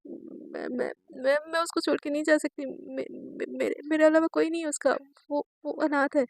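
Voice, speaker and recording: A woman's voice: sits high, steady tone, normal speed, gravelly, darkish tone, dry recording, clean studio sound. A woman voicing a desperate young woman who stammers and repeats her words through tears as she pleads for the one she loves. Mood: pleading.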